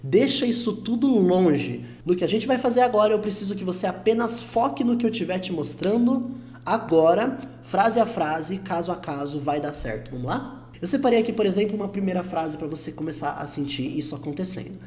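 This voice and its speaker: A man with a Brazilian Portuguese accent teaching an online English lesson, patient and reassuring, repeating each example slowly. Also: high voice, animated, a little mellow. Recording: roomy echo.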